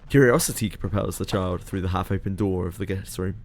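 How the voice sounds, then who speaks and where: A man's voice: sits low, fairly quick, a little mellow, slight background noise. A man streaming a game, reading its story aloud with dry, joking asides. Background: game music.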